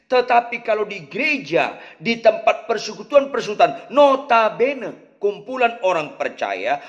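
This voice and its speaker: Pastor guy preaching, big swoopy pitch, keeps hammering the same phrases, muffled lo-fi audio. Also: a bit bright. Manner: emphatic, repeats key phrases, drawn-out stresses. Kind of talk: sermon.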